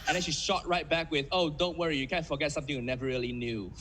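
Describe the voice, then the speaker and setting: A young man from Malaysia with a Malaysian English accent, doing a stand-up comedy set over a video call, telling stories deadpan and laughing at his own jokes. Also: a little high, fast talker, background noise.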